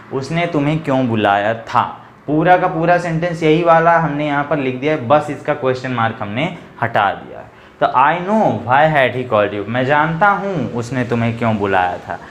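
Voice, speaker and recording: A man teaching English grammar in a casual, chatty classroom style, reading English examples slowly and explaining them. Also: medium pitch, fairly bright tone, reverberant, slight background noise. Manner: chatty, addresses viewers as bhai and bhaiya.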